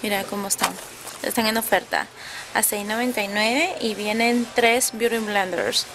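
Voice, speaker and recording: A woman's voice: mid-range voice, steady tone, normal speed, background noise. A woman with a Peruvian accent, chatting through a casual shopping vlog and gushing over bargains. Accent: Peruvian Spanish. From Peru. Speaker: vlogger. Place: indoor discount store.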